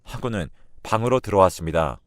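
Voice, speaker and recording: Male narrator for a radio drama: low voice, animated first-person storytelling. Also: a little fast, dry recording, studio quality.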